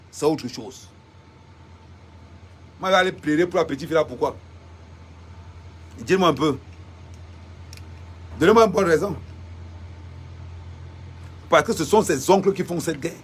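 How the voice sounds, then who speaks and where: A woman's voice: on the low side, husky. A woman from Cameroon, delivering a defiant, fiery political rant to viewers, repeating rhetorical questions.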